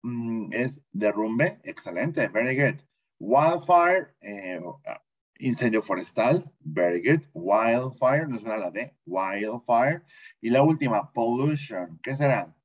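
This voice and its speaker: A man with a Mexican Spanish accent who teaches an English class, speaking patiently and repeating vocabulary slowly so students can copy it. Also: mid-range voice, animated, slightly rough, lo-fi sound. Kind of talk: bilingual classroom lesson.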